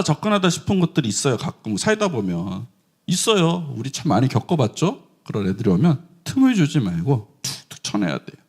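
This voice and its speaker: A middle-aged man preaches a sermon with a fairly high voice that leaps up and down. He acts out quoted voices and breaks into sharp shouted rebukes. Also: slightly rough. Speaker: pastor. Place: church sanctuary.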